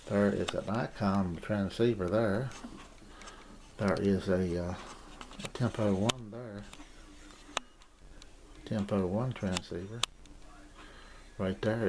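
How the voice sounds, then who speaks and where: An older amateur radio hobbyist gives a casual, unscripted tour of his small indoor home radio room, rambling, hesitant and repeating himself in a lowish voice. It was recorded on a handheld camcorder's built-in mic, with clear background noise.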